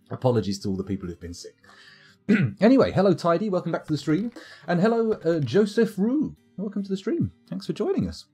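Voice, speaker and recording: A man talking over livestream microphone audio from his desk, his pitch moving lively up and down as he chats wryly through a strategy game. His voice has a husky, slightly breathy edge, and a soft guitar plays faintly behind him. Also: moderate pace, pauses often. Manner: wry, chatty, reads game reports aloud. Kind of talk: casual livestream commentary.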